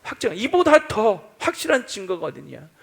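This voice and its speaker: A man's voice: sits high, big pitch swings, normal speed, vocal fry, a bit bright, slightly rough. A male pastor preaching a sermon, acting out doubting voices and quoting scripture as he goes.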